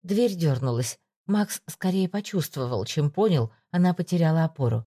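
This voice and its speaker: A woman reading an audiobook as narrator in a measured, even manner. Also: deep voice. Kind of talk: scripted narration.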